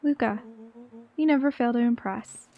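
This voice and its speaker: A woman's voice: fairly high pitch, normal speed, dry recording, highs cut off. Woman reading as a smug boastful boy. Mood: teasing. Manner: smug, teasing. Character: cocky boastful boy adventurer.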